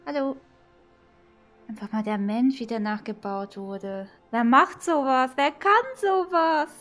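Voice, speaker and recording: A woman, vlogging her VR tour in excited, gushing commentary to her viewers. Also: high-pitched, takes it slowly, faint music behind. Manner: gushing, exclaiming, talking to viewers. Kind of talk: excited casual vlog commentary. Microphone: VR headset mic.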